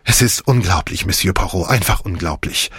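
A man's voice: low voice, normal speed, a bit bright, slightly rough, no room sound, studio quality, exaggerated voice. A man voicing a flustered, indignant middle-aged head nurse. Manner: agitated, indignant.

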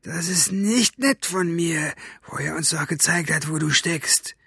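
A sneering, fox-faced thug who stretches every word and keeps his voice menacingly low in volume, put on by a male reader. He talks in a raised, thin register with a slow, taunting drawl, heard in a dry, close recording. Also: vocal fry, husky, no echo, exaggerated voice. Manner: slow, drawn-out, threateningly quiet.

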